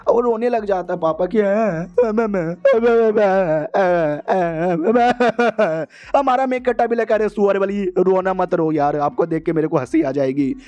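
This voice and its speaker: A young man tells a comic's story in a loose, joking way, his voice sitting high yet sounding mellow and soft-edged. He keeps dropping into quick, mocking voices for the characters. It sounds like a relaxed, chatty recap. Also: muffled recording. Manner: playful, jokey, mocks characters in quick voices. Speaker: manhwa recap narrator.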